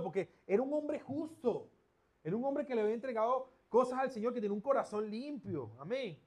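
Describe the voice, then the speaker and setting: High-voiced male preacher, playful. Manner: lively, playful storytelling with jokes. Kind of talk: sermon. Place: church.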